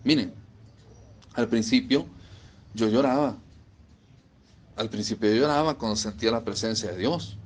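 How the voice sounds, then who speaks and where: A man's voice: fairly low pitch, moderate pace, long pauses, slightly rough. A man preaching a sermon, emphatic and repeating phrases for stress.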